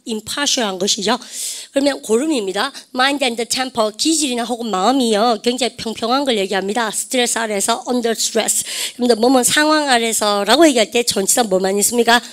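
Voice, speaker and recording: Lady vocab teacher, kinda high voice, keeps quizzing the class, makes them repeat words. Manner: calls herself ssaem, keeps asking the class questions and drilling pronunciation. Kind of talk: lecture to exam students.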